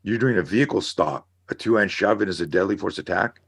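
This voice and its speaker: Middle-aged guy, very low raspy voice, acts out scenes while chatting. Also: fast talker. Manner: animated storyteller, acts out scenarios. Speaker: guest, self-defense instructor. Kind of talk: casual podcast conversation.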